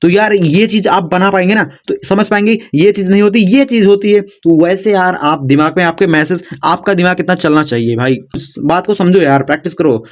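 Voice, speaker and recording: A man's voice: high voice, a little fast, muffled recording. A man giving a casual spoken lesson as a teacher, patient and repetitive, coaxing his students along. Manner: repetitive, coaxing, says "dekho" and "yaar" often.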